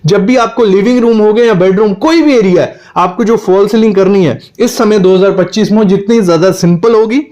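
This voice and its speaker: Male interior design advisor, fairly high voice, direct instructional delivery. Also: a little fast, hardly any pauses, mellow. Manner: direct, advice-giving, talks straight to the viewer. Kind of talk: instructional home design explainer.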